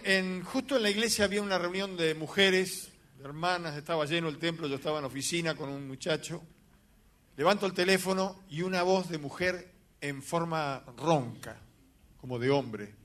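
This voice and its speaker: A man preaching a sermon, telling a story with animated, dramatic bursts of emphasis. His voice sits high for a man and has a bright, forceful edge. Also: normal speed. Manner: animated, dramatic storytelling with sudden loud outbursts. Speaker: pastor.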